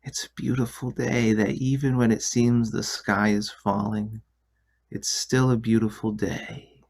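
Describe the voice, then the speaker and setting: A man leads a guided relaxation in a soft, hushed voice, close to a whisper at times. His delivery is soothing and very unhurried. The voice sits on the low side with a lot of fry in it. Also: flat delivery. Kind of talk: guided meditation.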